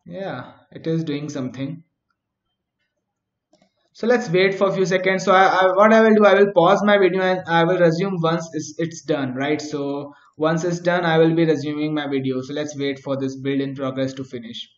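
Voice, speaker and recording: A man talks through a coding tutorial on his screen, thinking aloud with frequent restarts and fillers and often asking "right?" His voice is fairly high, with a steady tone and normal speed. The home recording sounds echoey and dull.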